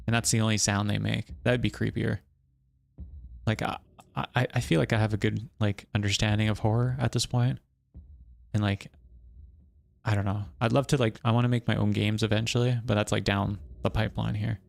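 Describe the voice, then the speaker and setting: A man's voice: fairly low pitch, gravelly. A man streaming a horror game live, giving casual, rambling commentary full of fillers and chuckles.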